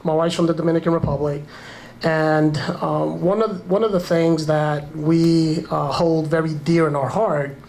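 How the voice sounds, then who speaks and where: Casting: businessman, higher flat voice, hesitant speech, faint room noise behind. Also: rough recording. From Panama. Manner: halting, many fillers. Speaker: event sponsor, businessman. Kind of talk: speech at a gala.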